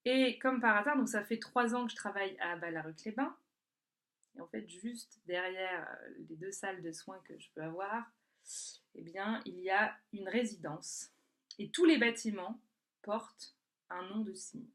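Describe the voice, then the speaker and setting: A woman speaks casually to her viewers in a loose, chatty way. She stops and restarts often, filling gaps with short sounds while she hunts for the right word. Her voice sits at an ordinary middle pitch. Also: measured pace, fairly bright tone. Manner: chatty, searching for words with many fillers and restarts. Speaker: energy healer. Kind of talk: casual talk to camera. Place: works in a southern French spa town.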